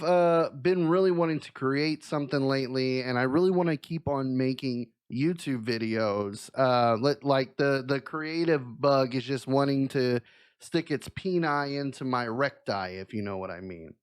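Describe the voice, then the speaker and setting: A man's voice: medium pitch, measured pace, smooth. A man, a YouTuber and streamer, telling a comic story to camera in a mock-dramatic, self-deprecating way.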